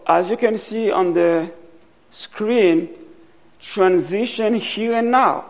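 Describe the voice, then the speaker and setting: Slow, gravelly-voiced man from Haiti preaching. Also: sits high, a little mellow. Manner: slow and deliberate, pausing often. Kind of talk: sermon.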